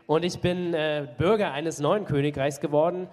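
A man's voice: on the high side, steady tone, moderate pace, darkish tone. A man interpreting a sermon live, hesitant, with many fillers and self-corrections. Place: church hall. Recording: long church hall reverb.

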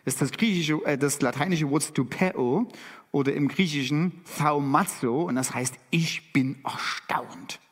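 A middle-aged man preaching a sermon, lively and animated, with dramatic emphasis on key phrases. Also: a little high, normal speed. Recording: long hall reverb.

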